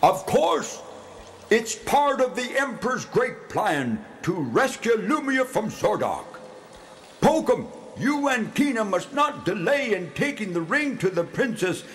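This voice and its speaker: A man's voice: sits high, very animated, a little slow, a bit bright, full character voice. A man playing a grand, kindly beast who was once a magistrate, with a theatrical cartoon bellow, in a children's audio drama. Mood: resolute. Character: former magistrate turned big cave beast, grand and kindly.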